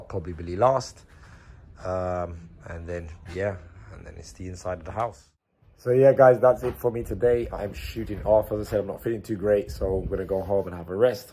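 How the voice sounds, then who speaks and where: A builder vlogger in his thirties, hoarse from a sore throat, casually shows viewers around an unfinished indoor extension under a new roof. His deep voice, picked up by a phone held at arm's length with a little hiss or hum, stays relaxed as he explains the work step by step with fillers.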